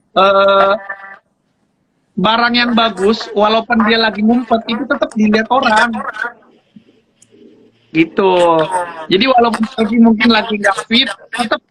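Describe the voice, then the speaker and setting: A man's voice: high voice, a bit bright, poor audio. A man in his thirties chatting casually and teasingly as a guest on a phone live stream. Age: 30s. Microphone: phone on a live video stream.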